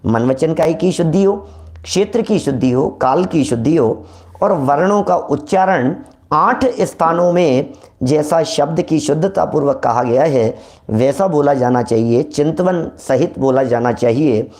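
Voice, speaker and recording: Man giving a slow, emphatic scripture discourse. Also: on the high side, lively intonation, darkish tone. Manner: slow, deliberate recitation of Sanskrit and Prakrit verses; rhetorical questions, repeats words for emphasis. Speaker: Jain scripture teacher. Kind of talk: religious discourse.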